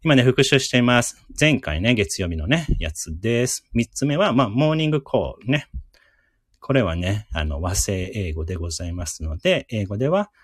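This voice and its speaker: A man hosting a casual live radio lesson, chatty and encouraging, who repeats each word slowly for listeners to drill. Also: on the low side, very animated, slightly rough, no room sound, clean studio sound. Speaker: radio host teaching English words.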